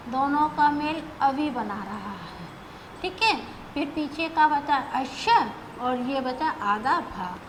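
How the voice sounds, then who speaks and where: A woman's voice: sits high, noisy background. A woman teacher explaining grammar step by step, patient, who often checks in with her students as she goes.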